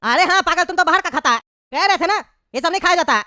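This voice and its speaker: A woman as a fed-up, scolding dad, high animated voice, noisy track. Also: fast. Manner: scolding, exasperated. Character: scolding exasperated father. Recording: loud background noise.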